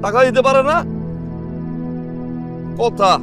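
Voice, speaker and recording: An actor playing a defiant young groom who snaps back loudly at his elders, in a TV drama. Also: very high-pitched, takes it slowly, music in the background. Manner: loud, defiant and snapping. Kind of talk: TV drama acting.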